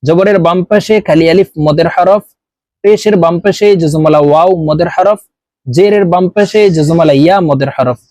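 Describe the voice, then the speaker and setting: High-voiced man teaching letter sounds. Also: dark tone, no room sound. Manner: slow, drawn-out recitation of letter drills. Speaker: Quran reading teacher. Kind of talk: recorded lesson.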